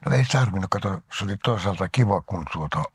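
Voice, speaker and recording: Gravelly, very deep older man reminiscing. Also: expressive, dry recording, studio quality. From Finland. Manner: anecdotal storyteller who often drops into a breathy half-whisper. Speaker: interview guest, actor. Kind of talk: reminiscing interview talk.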